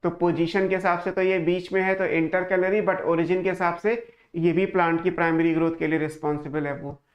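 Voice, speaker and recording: A man with a high, level voice lectures an online class a little fast, with the highs cut off in the audio. His Hindi explanations go step by step, sprinkled with English phrases, and he answers his own questions.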